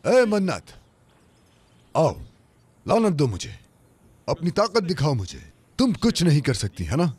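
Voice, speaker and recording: A man's voice: a little high, wildly swooping pitch, a little slow, a little mellow, breathy edge, exaggerated voice. An actor dubbing a defiant young man who mocks a stone idol and speaks earnestly about one God, in a dubbed film. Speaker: young man rejecting idols. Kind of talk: Urdu dubbed film acting.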